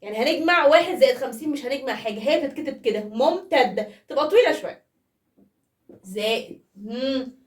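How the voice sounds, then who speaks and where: High-voiced Egyptian woman teaching math. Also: animated, fast, roomy sound, distant mic. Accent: Egyptian Arabic. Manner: playful, chatty, with frequent rhetorical questions. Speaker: primary school math teacher. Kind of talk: casual classroom explanation to young children.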